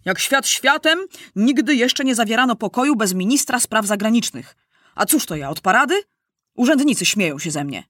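A woman's voice: a little high, expressive, moderate pace, fairly bright tone, dry recording, studio quality, pitched above the performer's own voice. A woman voicing an indignant male foreign minister, speaking in a raised, offended voice in a storybook reading.

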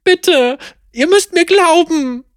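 A desperate young apprentice woman, played by a female narrator pleads and sobs in a high, strained voice that sits well above the reader's own. Her pitch leaps around. The storybook reading is close and dry. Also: big pitch swings, moderate pace, no echo. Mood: pleading.

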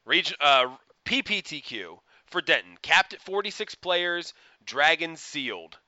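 A man's voice: on the high side, sing-song, measured pace, bright, forceful tone, lo-fi sound. A man co-hosting a casual podcast, rambling with lots of fillers and frequent laughs. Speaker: podcast co-host.

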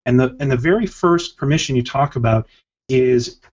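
A man's voice: mid-range voice, normal speed, a little mellow. A man hosting a podcast, asking a long, rambling question with many fillers and hesitations. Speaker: podcast host. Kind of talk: interview question. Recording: slightly dull podcast audio.

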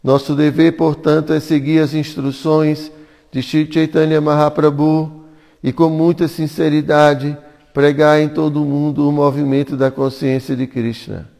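A man's voice: on the high side, level tone, measured pace, gravelly, a little mellow, big-room sound. A Brazilian Portuguese-speaking man reading scripture commentary aloud at a devotional class, chanting Sanskrit verses in a singsong. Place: community hall at an ecovillage.

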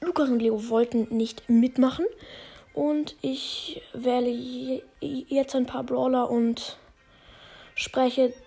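A woman hosts a relaxed gaming video in a slightly high voice. She talks slowly and unhurriedly. She sounds self-conscious and laughs at her own attempts. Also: breathy edge. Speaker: gaming channel host. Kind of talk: casual gaming video chat.

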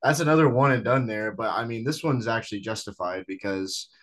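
A young man talks sports on a casual podcast, circling his points with a steady stream of fillers. His voice sits a little low. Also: fairly quick. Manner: rambling, many fillers like "I mean". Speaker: podcast host.

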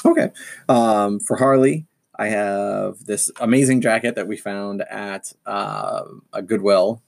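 A man's voice: on the low side, slow, gravelly. A man telling stories in casual chat, enthusiastic and rambling.

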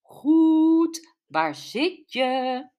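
A lively elderly mother who wants every juicy detail. Her voice sits higher than the reader's own, sometimes dropping to a whisper. A woman reader acts her out in an audiobook. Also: very slow, heavily acted. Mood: eager. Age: older. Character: elderly mother, curious, fond of gossip.

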